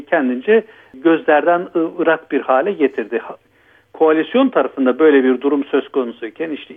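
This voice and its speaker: A man calling in by phone as a guest commentator, giving measured, explanatory analysis over a phone line. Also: on the high side.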